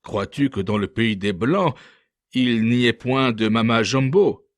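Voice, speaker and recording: A man voicing a proud, defiant male captive chief speaking gravely and ominously in a storybook reading. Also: medium pitch, measured pace, dry recording, studio quality, close to an everyday voice.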